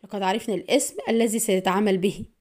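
A woman's voice: mid-range voice, fairly even intonation, very fast, darkish tone, close to an everyday voice. A woman voicing a male military attaché who speaks urgently and in clipped lines under pressure. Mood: strained.

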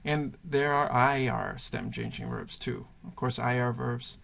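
A man's voice: medium pitch, unhurried, gravelly, fairly bright tone. A man teaching Spanish verb conjugations, patiently thinking aloud and pointing things out as he writes. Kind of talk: explaining grammar at a whiteboard.

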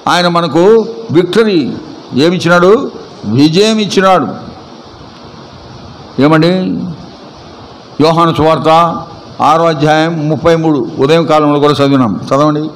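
A man's voice: fairly high pitch, a little slow, long pauses, a little hiss or hum, rough recording. A male pastor preaching a sermon at a church service. He is emphatic and keeps quizzing the congregation with repeated questions.

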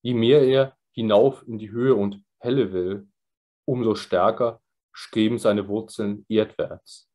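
A man as a grave, slow-speaking sage. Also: fairly low pitch, fairly even intonation, a little mellow. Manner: grave, measured teaching tone. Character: solitary wise old male sage, calm and grave.

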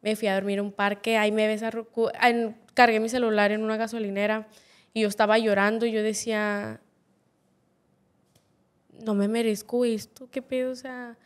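A woman in her twenties with a Mexican accent, a podcast guest telling her own life story bluntly, full of slang and constant swearing. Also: fairly high pitch. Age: 20s. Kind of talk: candid personal storytelling.

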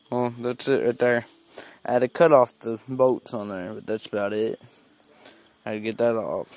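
A teenage man filming a casual farm vlog on his phone, rambling as he shows off the barn, the animals and a trailer. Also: a bit bright. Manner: rambling, talks to the animals in a high baby voice. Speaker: farm vlogger. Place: outdoors on a farm and in an open wooden barn. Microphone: phone camera held at arm's length.

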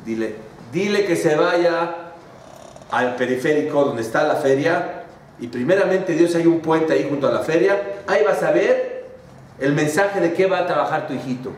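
A man's voice: a little high, normal speed, distant mic. Middle-aged man preaching, echoey hall. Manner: animated storytelling full of diminutives. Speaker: religious speaker. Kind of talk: sermon with folksy stories.

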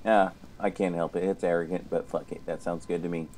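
A man's voice: deep voice, flat delivery, fairly quick, a little mellow, slight background noise. A man casually commenting on a fantasy game as he plays, laid-back and swearing. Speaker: let's play host.

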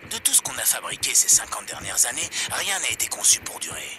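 An actor playing a defiant, conspiracy-minded radio broadcaster in a video game, preaching with emphatic folksy rhetoric. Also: male voice, mid-range voice, huge pitch swings, brisk, over music. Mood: bitter ranting.

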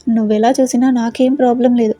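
A woman's voice: on the high side, little pitch movement, fast, dark tone, no echo, soft background music, natural voice. A woman voicing a cheeky young woman who teases and mocks her cousin. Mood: mocking. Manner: mocking, teasing.

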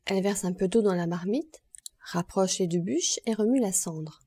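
A woman narrating an audiobook in a calm, measured reading voice. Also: mid-range voice, breathy edge, no echo. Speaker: audiobook reader.

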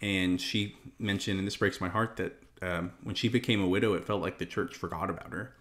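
A man's voice: low-pitched, steady tone, fairly bright tone. A man in his thirties giving a casual Bible lesson to a webcam in a small home study, reading passages aloud and talking earnestly with fillers and restarts. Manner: earnest and conversational, with fillers, restarts and emotional pauses. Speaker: Bible teacher. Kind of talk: casual teaching to camera, reading scripture aloud.

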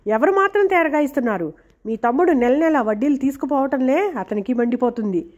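A woman reading the part of a resentful, sharp-tongued housewife who scolds sarcastically. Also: sits high, expressive, a little fast, highs cut off. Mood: scolding.

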